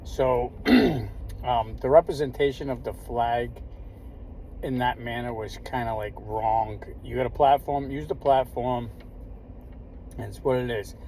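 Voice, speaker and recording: A man's voice: mid-range voice, steady tone, takes it slowly, warm tone, poor audio. An older man from the United States giving a rambling, emphatic opinion monologue, with many fillers and restarts. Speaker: commentator. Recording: clear traffic noise behind.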